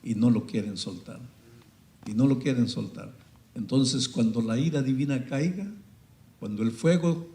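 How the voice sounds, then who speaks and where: A man preaching a sermon, swinging dramatically between hushed and loud passages. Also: mid-range voice, reverberant.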